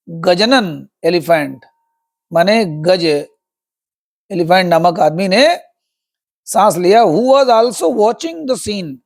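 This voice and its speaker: A man teaching English through a story. He explains each word and meaning, repeats himself, and addresses viewers as friends. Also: high-pitched. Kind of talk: Hindi-medium English lesson explaining a story.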